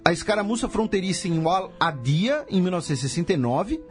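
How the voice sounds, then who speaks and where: Lively Brazilian podcast host explaining. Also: male voice, high-pitched, fast talker, faint music behind. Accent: Brazilian Portuguese. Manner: lively, rhetorical questions, frequent "tá?" and "né?" asides, sarcastic. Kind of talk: casual explanatory podcast talk.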